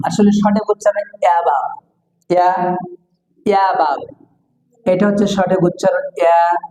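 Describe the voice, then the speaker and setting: A man teaching English pronunciation in a classroom, repeating each word slowly and pointing to the board. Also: high voice, mellow, a little hiss or hum. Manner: slow, drawn-out, repeats each word many times. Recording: echoey room with long reverb.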